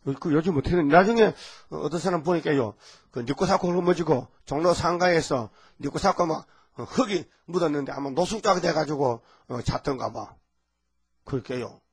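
Speaking a little fast in a fairly high, slightly rough voice, this older man is a pastor with a Gyeongsang accent. He wanders through a homespun sermon, constantly checking in with his congregation through call-and-response.

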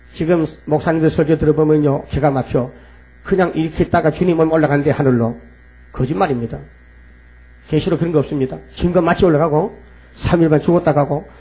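A pastor preaches a fervent sermon in a slightly high, mellow voice, reading scripture aloud and repeatedly posing and answering his own rhetorical questions. The lo-fi recording sounds dull and carries mains hum.

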